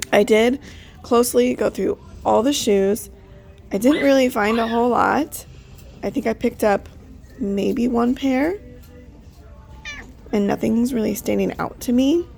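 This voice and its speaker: Chatty woman with vocal fry. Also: on the high side, a little mellow. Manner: chatty, thinking aloud with fillers. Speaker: reseller vlogger. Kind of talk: casual thrift vlog narration.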